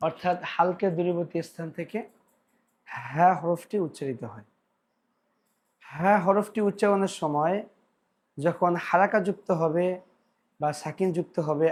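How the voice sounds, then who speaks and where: A man teaching Quran pronunciation, explaining slowly and drawing out practice syllables. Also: fairly high pitch. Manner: slow, deliberate explanation with drawn-out practice syllables. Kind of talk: tajweed pronunciation lesson.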